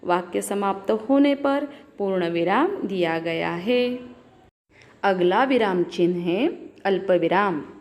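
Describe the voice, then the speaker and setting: Slow, patient woman teacher. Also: mid-range voice, a little mellow. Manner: slow, patient explaining, addressing children. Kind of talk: Hindi grammar lesson for children.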